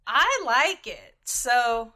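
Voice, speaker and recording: A bright, slightly high-voiced woman co-hosts a casual gaming chat. She tells stories in a rambling, animated way and leans on "like" as she goes. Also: extremely slow. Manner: rambling storyteller, animated, says "like" often. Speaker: podcast co-host.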